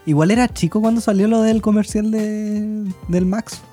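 A man's voice: high-pitched, steady tone, mellow, faint music behind. A man of twenty-three from Chile with a Chilean accent, co-hosting a podcast in a playful, jokey casual chat. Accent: Chilean Spanish. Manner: playful, jokey, quick recommendations. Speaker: podcast co-host.

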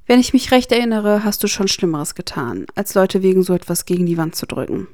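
A woman's voice: medium pitch, animated, fairly quick, a little mellow, dry recording, studio quality, lightly acted. A woman reading the lines of a spiteful, sneering teenage boy wizard in a German fan audiobook, with a mocking, smug delivery.

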